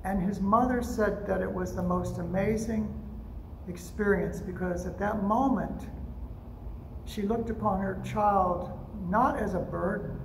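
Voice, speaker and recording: Older male pastor, higher gravelly voice, gentle pause-filled sermon, roomy church echo. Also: background noise. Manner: gentle, unhurried storytelling with frequent "uh" pauses. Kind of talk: storytelling sermon. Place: church sanctuary at a pulpit. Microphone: pulpit microphone. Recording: echoey sanctuary with faint ambience.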